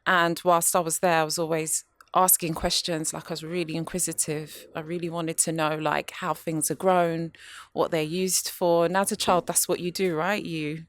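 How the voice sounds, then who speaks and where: Low-voiced woman explaining. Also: flat delivery, normal speed. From North London, UK. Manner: explanatory, many ums. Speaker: guest, skincare business founder. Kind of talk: casual interview.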